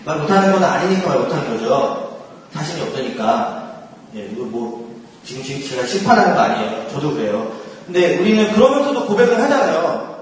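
Man, faith talk to a group, high lively voice, laughs often, miked from far off in an echoey hall. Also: a little fast, a little hiss or hum. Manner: laughs often while talking; acts out quoted prayers and inner thoughts. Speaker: speaker at a church gathering.

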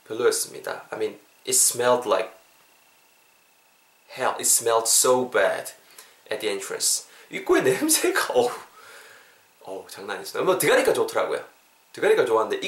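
A man hosting a podcast English lesson. He jokes playfully, switches between Korean and English, and drills pronunciation by slowly repeating short phrases. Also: mid-range voice. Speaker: English teacher and podcast host. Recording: echoey room, distant mic.

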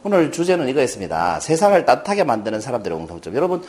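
Racing along in a medium-pitched voice, a middle-aged man tells stories as a lecture to his class. He stays animated throughout, often directing questions at the audience.

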